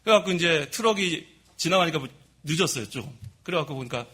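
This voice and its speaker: A middle-aged man preaching a sermon from the pulpit of a church, telling stories about himself in a lively way. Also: fairly high pitch, quick pace, slight background noise. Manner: lively storytelling, admits his own faults. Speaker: pastor. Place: church sanctuary.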